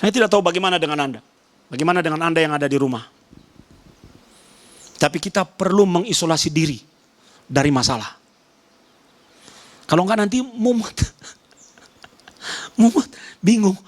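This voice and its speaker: A male pastor from Nias preaching a sermon with emphasis. He swings between loud raised calls and soft low asides, repeats short phrases and speaks straight to the congregation. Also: animated, fairly quick, pauses often. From Nias, Indonesia.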